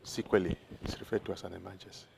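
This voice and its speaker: A man with a Nigerian accent, a doctor answering interview questions in a measured way that lists examples one by one. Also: low voice, fairly even intonation, creaky, noisy background. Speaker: doctor, consultant guest.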